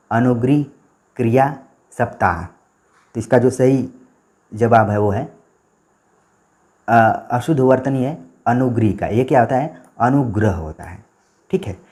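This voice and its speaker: A man's voice: mid-range voice, darkish tone. A man teaching an exam practice lesson. He goes through each answer and explains it, often checking in with "theek hai". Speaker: Hindi teacher.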